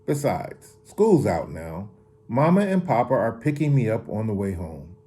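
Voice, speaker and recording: A man voicing an earnest young boy who sells newspapers, in a storybook reading, his voice lifted higher and boyish. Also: very animated, measured pace, warm tone. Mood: plain.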